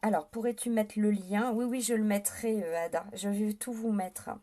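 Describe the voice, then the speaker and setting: A woman's voice: mid-range voice, steady tone, normal speed, mellow. A French-speaking woman hosting a live stream, talking casually to her viewers with many hesitations and fillers. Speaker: livestream host.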